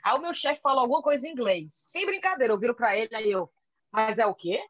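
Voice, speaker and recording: A woman's voice: fairly high pitch, fast, no echo. A Brazilian woman with a Brazilian Portuguese accent telling stories in a casual chat, acting out little dialogues as she goes. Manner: lively storyteller who acts out dialogues. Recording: dull lo-fi sound.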